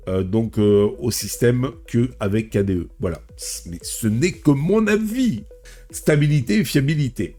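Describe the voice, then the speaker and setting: Congested from a cold, a male tech-video host reads out a news script and follows it with casual personal asides. He speaks in a mid-range voice with a dark, husky tone.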